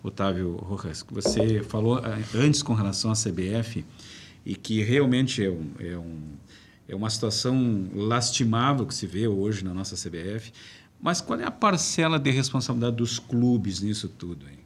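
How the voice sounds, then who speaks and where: A man's voice: on the low side, animated, moderate pace, slightly rough. A man hosting a talk show, asking probing questions about football politics.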